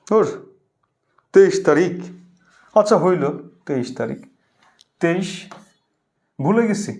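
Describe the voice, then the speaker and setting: Teaching online at a slow pace, this man has a high-sitting, darkish voice that swings widely in pitch with lively intonation. He repeats key words as drills and keeps urging students to comment and answer.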